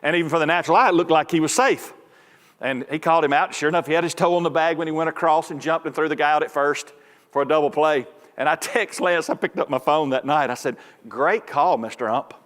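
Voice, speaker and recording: Male pastor, folksy storyteller who works up to loud preaching; fairly high voice, long reverb of a church hall. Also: fast. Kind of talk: sermon. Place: large church sanctuary.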